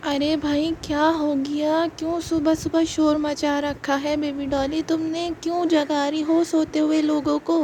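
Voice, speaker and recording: A woman's voice: level tone, a little slow, hardly any pauses, a little mellow, a little hiss or hum. Woman doing a sleepy, teasing older sister doll. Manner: drowsy, mocking, lower-voiced.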